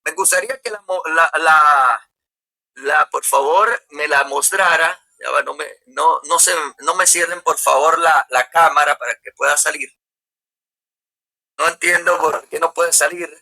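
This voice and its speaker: A man, a pastor on a video call in a religious debate, speaking haltingly with restarts. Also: a little high, gravelly, bright, forceful tone, low-quality recording. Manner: halting, fumbles with his camera and restarts words.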